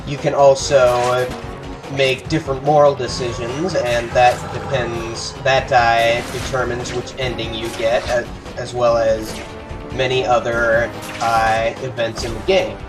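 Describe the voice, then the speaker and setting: A man rambles through casual commentary on a video game, full of fillers and self-deprecating asides. His voice is mid-pitched and sounds a bit off-mic. Clear game music plays underneath. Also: little pitch movement, measured pace, distant mic. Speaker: let's play gamer.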